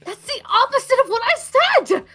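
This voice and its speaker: An indignant teenage goth girl, voiced by a woman reading game dialogue snaps in an exasperated, insistent way. Her voice is high and lively, swinging up and down. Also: normal speed, full character voice.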